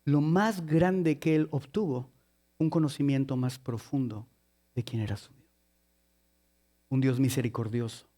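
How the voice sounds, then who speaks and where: A man's voice: mid-range voice, fairly even intonation, measured pace, long pauses, mellow. A man preaching a sermon, telling a story with jokes and acting out its characters in different voices.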